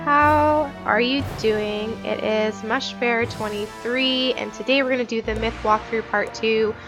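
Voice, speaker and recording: A woman's voice: fairly high pitch, steady tone, measured pace, music in the background. A woman hosting a casual game walkthrough on a headset mic, chatty and informal, thinking aloud as she goes. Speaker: gaming video host.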